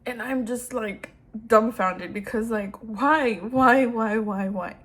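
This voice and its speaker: A woman's voice: on the high side, slow. A young woman telling a personal story casually, emotional and laughing through tears, with a lot of "like". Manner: casual, many fillers like "like".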